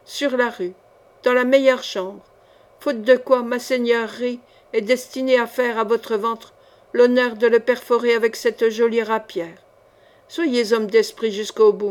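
A woman's voice: a little high, a little mellow, natural voice. A woman reading the part of a bold young knight who talks in a brusque, mocking, swaggering way.

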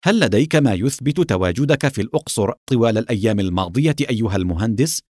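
A man reading the lines of a calm, resolute male captain, firm and measured. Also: on the low side, no room sound, studio quality.

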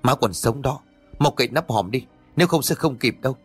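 A man voicing a middle-aged man who urgently shouts in a storybook tale. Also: mid-range voice, a little fast, slightly rough, faint music behind, natural voice.

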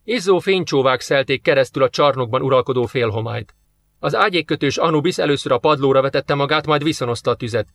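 A man narrating a science-fiction audiobook in a steady, even storytelling manner. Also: mid-range voice, dry recording. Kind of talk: scripted narration.

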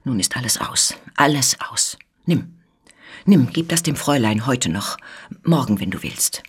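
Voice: mid-range voice, animated, measured pace, husky, pitched below the performer's own voice. A reader voicing a desperate young man who bursts out wildly, in an audiobook reading. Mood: despairing murmur. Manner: wild, urgent outbursts.

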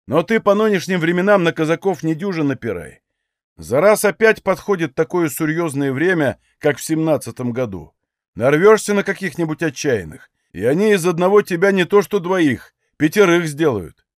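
A man voicing a burly, calm older Cossack who speaks in folksy dialect with an unhurried warning tone in an audiobook. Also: on the high side, dry recording, clean studio sound. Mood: reasoning.

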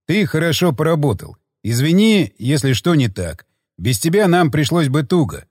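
A man doing Bulava, a steady soldier. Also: a little high, moderate pace, slightly rough, no echo, studio quality, big-room sound. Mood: friendly. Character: steady, good-natured male soldier.

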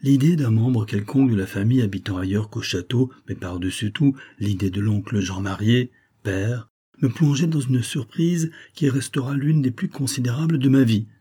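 A man giving a measured, literary scripted narration of a novel as an audiobook reader. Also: medium pitch, warm tone, breathy edge.

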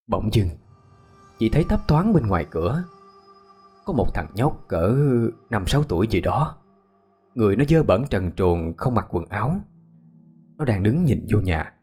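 Male ghost-story narrator, somber and deep-ish, soft music under. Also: very animated, a little slow, long pauses, breathy edge.

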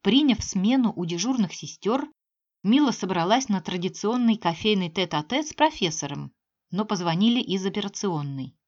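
A woman reading a novel aloud as an audiobook narrator, measured and expressive. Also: medium pitch. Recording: slightly dull lo-fi sound.

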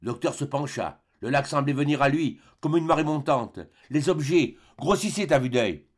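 A man narrating a classic adventure novel as an audiobook, reading dramatically and dropping low and quiet for tense moments. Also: normal speed.

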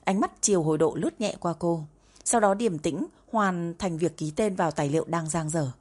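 A woman narrating a romance novel in an even, steady reading voice. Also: lowish voice, brisk. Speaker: audiobook narrator.

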